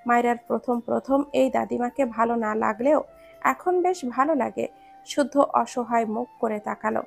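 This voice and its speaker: Gravelly-voiced woman narrating a story. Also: fairly high pitch, moderate pace, faint music behind. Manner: steady storytelling. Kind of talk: scripted narration of a romance story.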